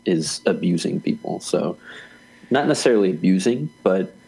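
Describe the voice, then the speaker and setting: A man's voice: low voice, lively intonation, moderate pace, dark tone, slightly rough, low-quality recording. A man co-hosting a soccer podcast, chatting casually in a rambling way with frequent restarts and easy laughs. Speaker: podcast co-host. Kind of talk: casual chat.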